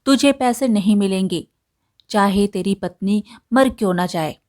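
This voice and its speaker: A woman's voice: medium pitch, slow, darkish tone, no echo, studio quality, close to an everyday voice. A woman voicing an arrogant middle-aged male landlord who scolds with contempt, in a storybook tale. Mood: angry.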